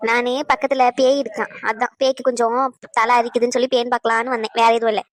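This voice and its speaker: A woman voicing a sharp-tongued old grandmother in a cartoon, who teases and scolds. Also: a little high, little pitch movement, fast, close to an everyday voice. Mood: scolding. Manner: gruff, teasing, scolding. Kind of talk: cartoon voice acting.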